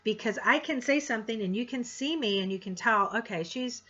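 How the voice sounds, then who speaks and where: A woman's voice: fairly high pitch, fairly quick, bright, forceful tone, lo-fi sound. A woman instructor giving a course introduction in a frank, direct way with sarcastic asides. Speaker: college instructor.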